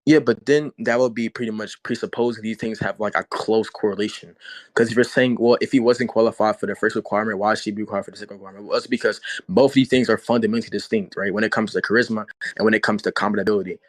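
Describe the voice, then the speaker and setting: A man's voice: on the low side, steady tone, fast talker, no room sound, poor audio. A man arguing in a heated casual debate, repeating himself and swearing as he pushes his point.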